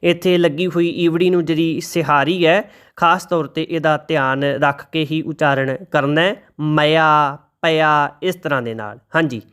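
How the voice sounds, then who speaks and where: Male teacher, bright clear voice, slow measured chanting and careful spelling-out. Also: a little high. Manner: slow, deliberate, spells out letters and corrects pronunciation. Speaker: Gurbani pronunciation teacher. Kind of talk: recitation lesson with slow chanted verses.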